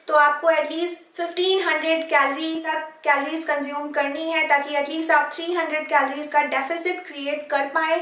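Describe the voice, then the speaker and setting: A woman's voice: high voice, sharp tone. A woman fitness vlogger giving earnest, encouraging instructional advice to camera, switching often into English phrases. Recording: echoey room, mic at a distance.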